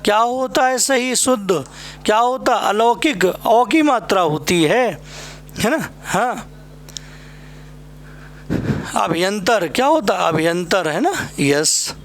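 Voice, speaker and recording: A man with a north Indian Hindi accent runs a spelling drill for exam aspirants. His voice sits high, and he takes his time, saying each word several times. He keeps checking in with short tag questions. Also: lively intonation, takes it slowly, pauses often, fairly bright tone, a little hiss or hum. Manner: addresses students fondly as "बेटा" and "भाई मेरे". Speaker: Hindi exam coaching teacher. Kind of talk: spelling lesson at a board.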